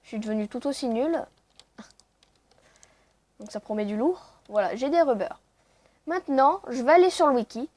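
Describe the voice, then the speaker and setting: A woman's voice: high voice, moderate pace, long pauses, darkish tone, no room sound. A woman casually commenting on her own gameplay, chatty and self-mocking. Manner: chatty, self-mocking, lots of "voilà" fillers. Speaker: let's play host.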